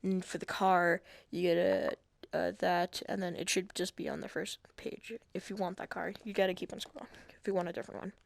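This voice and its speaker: A man's voice: high-pitched, lively intonation, fairly quick, gravelly, few pauses, no room sound. A man talking through a casual screen-recorded game tutorial, hesitant and self-deprecating, with many fillers and restarts.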